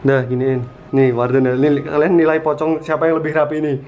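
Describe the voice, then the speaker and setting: A man's voice: fairly high pitch, flat delivery, fairly quick, echoey room, muffled recording, a little hiss or hum. Slangy young man with a lilt. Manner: slangy, swears a lot, jokey banter. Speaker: vlogger. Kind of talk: casual horror-challenge vlog. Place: office room indoors.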